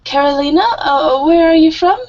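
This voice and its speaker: A woman's voice: high voice, steady tone, moderate pace, a little mellow. A woman in her thirties teaching an online English group class, friendly and a little nervous, laughing often. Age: 30s. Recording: muffled lo-fi audio.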